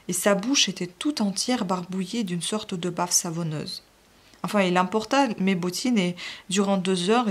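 Woman narrating a classic novel aloud, steady delivery, middle pitch. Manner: steady reading with occasional restarts. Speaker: audiobook reader.

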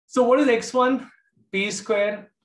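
Teaching maths live online from a computer indoors, this South Indian-accented man speaks slowly in a very high voice with fairly even intonation. He questions students informally and names them as he goes, and the room echoes.

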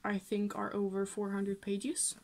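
This young Swedish woman, a book vlogger, speaks with a Swedish accent in a medium-pitched, monotone, somewhat dark voice at an unhurried pace. She chats casually to camera about books from a small room at home, using frequent fillers and small laughs.

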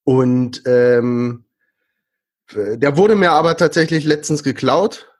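Young guy from berlin, halting, keeps saying ähm, chatty interview guest. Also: medium pitch. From Berlin, Germany. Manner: hesitant, many fillers and restarts. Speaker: interview guest, freelance frontend developer. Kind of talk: casual interview chat.

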